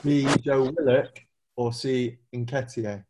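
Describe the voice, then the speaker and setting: A man runs a casual quiz for his friends, with plenty of teasing and laughter. His voice sits in an ordinary middle range, and he fires off the questions quickly. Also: mid-range voice, steady tone, noisy background. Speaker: quiz host. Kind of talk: casual chat among friends.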